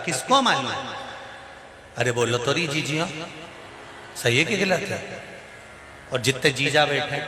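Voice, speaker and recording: A man with a Malwa Hindi accent preaching a devotional sermon to a big crowd, lively and teasing, sometimes breaking into sung lines. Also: on the high side. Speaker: preacher telling a scripture story. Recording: echoey hall with long reverb.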